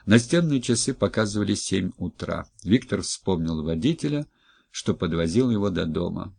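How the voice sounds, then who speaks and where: A male narrator reads an audiobook with steady, measured delivery. His voice sits low, and the recording is dry and close with no room sound. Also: vocal fry, breathy edge, no echo.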